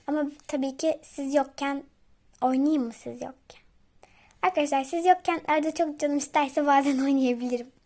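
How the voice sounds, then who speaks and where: A woman hosting a gaming channel, chatting excitably to her viewers as she plays. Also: sits high, normal speed. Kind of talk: casual gameplay commentary.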